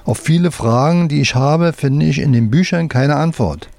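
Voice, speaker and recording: A man's voice: on the high side, moderate pace, gravelly, a little mellow, no room sound, voice pushed up. A man voicing a doubtful, thoughtful man who muses skeptically, in a told story.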